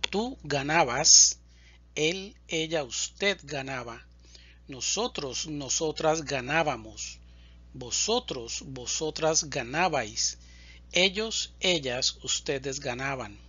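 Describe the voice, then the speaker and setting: A man teaching Spanish, slowly and deliberately reciting verb conjugations in a drill. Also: fairly high pitch, bright, forceful tone, slightly rough, highs cut off. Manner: deliberate, enunciates each word.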